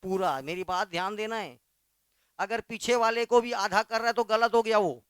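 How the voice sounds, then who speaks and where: A man's voice: high-pitched, a bit bright, clean tone, no echo, clean studio sound. A male Hindi tutor with a Chhattisgarhi Hindi accent, teaching a class and drilling students with questions that he answers himself. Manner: quizzing questions then answering them; slow, emphatic spelling out of letters. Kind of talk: classroom lesson.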